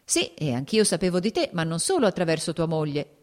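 A woman reading the lines of a reserved, proud young male officer in a measured, slightly stern way. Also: on the low side, very animated.

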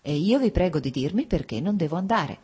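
A woman's voice: on the low side, expressive, a little fast, dark tone, breathy edge. A woman reading an audiobook, voicing a defiant, impassioned young noblewoman who pleads and protests heatedly.

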